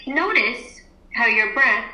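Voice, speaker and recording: A woman guides a class through a calm grounding and breathing exercise. Her voice is fairly high and very bright, with slow, soothing phrasing and long pauses between instructions. The room around her sounds clearly echoey. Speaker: teacher leading a class mindfulness exercise. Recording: roomy, echoey indoor sound.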